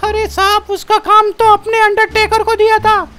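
A man voicing a servile gangster henchman with a squeaky, pinched voice after a punch to the throat. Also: monotone, moderate pace, bright, forceful tone, faint music behind. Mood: whiny. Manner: whiny, servile.

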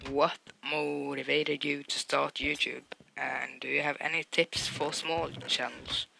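A young man with a gravelly, very bright voice that sits a little high for a man. He talks slowly and answers viewer questions in a blunt, deadpan way, like a casual gaming vlog. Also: slight background noise.

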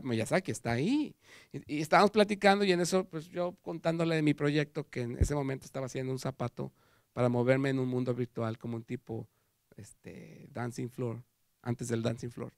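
Mexican male lecturer, gravelly, dry close sound, animated storyteller. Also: medium pitch, no room sound. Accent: Mexican Spanish. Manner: animated storytelling with acted quotes. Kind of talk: conference talk. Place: lecture hall.

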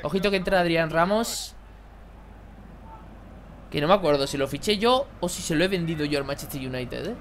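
A young man, excitably commentating his own football video game match for viewers. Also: fairly high pitch, brisk, pauses often, a little hiss or hum. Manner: excitable, exclaiming, chatty. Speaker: gaming youtuber. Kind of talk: live gameplay commentary.

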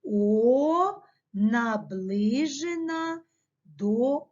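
A woman teacher giving a language lesson to children, dictating words slowly and pronouncing them carefully. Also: on the high side, expressive, darkish tone, lo-fi sound. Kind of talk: classroom lesson.

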